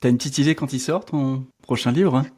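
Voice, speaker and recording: A man's voice: mid-range voice, a little fast, a little mellow, slight background noise. A man interviewing a guest, asking questions hesitantly and repeating words as he goes. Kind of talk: conversational interview.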